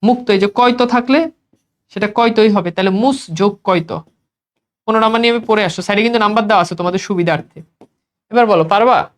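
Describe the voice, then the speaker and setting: A man's voice: high voice, fast talker. A male teacher from Bangladesh giving an exam-prep grammar lesson, asking questions and answering them himself in a repetitive drill.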